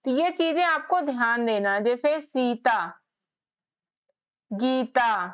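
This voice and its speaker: A woman teaching English spelling in a casual lesson, explaining slowly letter by letter. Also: sits high, expressive, smooth. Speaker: English tutor. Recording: slightly dull lo-fi sound.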